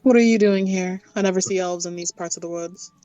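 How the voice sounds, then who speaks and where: Brash, loud woman player. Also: lowish voice, steady tone, fairly quick, no echo, muffled recording, soft background music. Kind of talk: in-character tabletop play.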